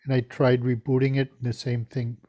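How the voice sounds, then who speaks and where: A man's voice: medium pitch, little pitch movement, fairly quick, lo-fi sound. A man on a video call, puzzled, describing a problem step by step. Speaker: workshop participant. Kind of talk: casual video call question.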